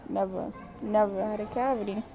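A woman's voice: medium pitch, steady tone, normal speed. A nineteen-year-old woman vlogging through a face mask, in laid-back slangy street talk, at a dental office. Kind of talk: casual vlog chat.

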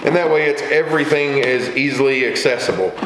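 Speaking a little fast in a mid-range, slightly bright voice, a middle-aged lawn care host gives a folksy, easygoing walkthrough to camera. The setting is a small garage or workshop lined with wooden shelves, and the recording has room echo and a faint hiss.

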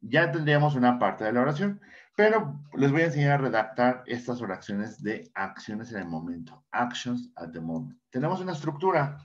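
Lo-fi Mexican teacher explaining grammar. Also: male voice, mid-range voice, lively intonation, moderate pace. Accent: Mexican Spanish. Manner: patient, repeats words for students, asks and answers himself. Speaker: English teacher. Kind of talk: classroom lesson explanation. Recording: dull lo-fi sound.

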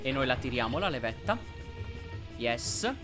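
Slow-talking, bright-voiced Italian gamer. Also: male voice, mid-range voice, faint music behind. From Italy. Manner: excitable, yelps and shouts at enemies. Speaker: let's play host. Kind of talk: gameplay commentary.

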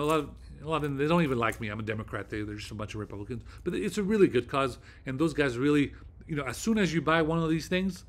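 Man, video host, casual monologue, rambling, agitated, swearing, lots of fillers. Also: on the high side.

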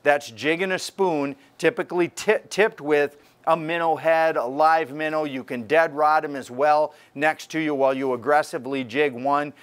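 An older man delivers a fishing report in a lively, conversational way. His voice sits a bit high for a man. He talks straight to the camera from inside a tackle store. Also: moderate pace, hardly any pauses. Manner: energetic, gestures while talking to camera.

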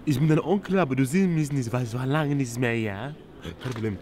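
A man's voice: medium pitch, brisk, darkish tone, a little hiss or hum, natural voice. A man doing a sly lying uncle. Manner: broken German, bragging. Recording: background music.

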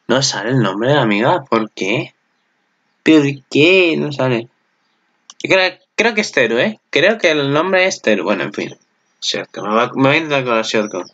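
A man giving casual commentary on an anime preview. He gets excited, laughs often and swears freely. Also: medium pitch, highs cut off. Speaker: anime channel host.

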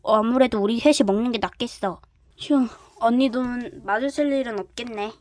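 A woman doing a squeaky little rabbit girl. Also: moderate pace, no room sound, close to an everyday voice. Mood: nervous. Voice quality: high, bright childlike voice. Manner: ends lines with a squeak. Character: sweet timid little female rabbit.

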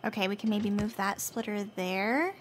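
A woman's voice: mid-range voice, breathy edge. A woman co-hosting a game session, chatting casually and getting exasperated at lag. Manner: chatty, slow, easily exasperated. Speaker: co-host and player. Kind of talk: casual gaming chat.

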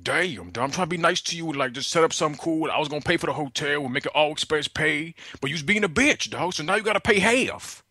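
A man's voice: a little high, animated, fast, hardly any pauses, bright, forceful tone, husky, dry recording, studio quality, exaggerated voice. A man playing a brash, pushy young prank caller who talks in cajoling street slang. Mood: cocky, exasperated. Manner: slangy, cajoling, constantly saying "dog". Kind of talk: prank phone call.

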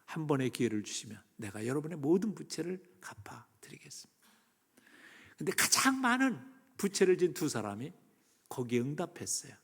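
A man preaching a sermon as pastor, moving between loud emphasis and hushed near-whispers. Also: on the high side, very animated, normal speed, vocal fry, slightly rough. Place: church sanctuary. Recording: long church reverb.

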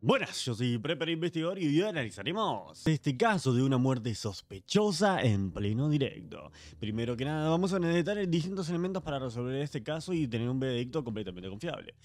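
A man doing a hushed, pompous mock detective. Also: medium pitch, very animated, brisk, hardly any pauses, no echo, lightly acted. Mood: mock-solemn. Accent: Rioplatense Spanish. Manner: hushed, solemn mock-expert delivery. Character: mock-serious male forensic investigator, deadpan, pompous.

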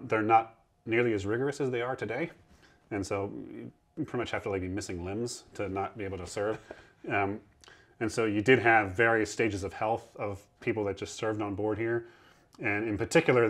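Lower-voiced man giving a ship tour. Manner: chatty, explanatory, acts out quoted sailors. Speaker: museum ship guide. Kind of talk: guided tour explanation. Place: below deck of a historic wooden ship, indoors.

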